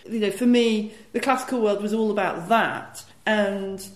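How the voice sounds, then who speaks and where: A woman's voice: mid-range voice, fairly even intonation, normal speed. A British woman author answering interview questions in a thoughtful, self-deprecating way, often restarting her sentences. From Britain. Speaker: author and guest. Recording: roomy echo.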